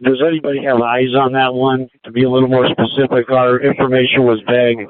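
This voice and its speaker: A man working as air command dispatcher, giving calm, procedural instructions over a two-way radio. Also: mid-range voice, quick pace. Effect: heard over a two-way radio. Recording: tinny dry radio transmission.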